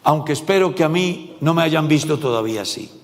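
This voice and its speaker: A Colombian male pastor preaches a sermon to his church congregation in a high voice that rings with long reverb from the hall. Speaking a little fast with lively intonation, he jokes and tosses questions out to the people.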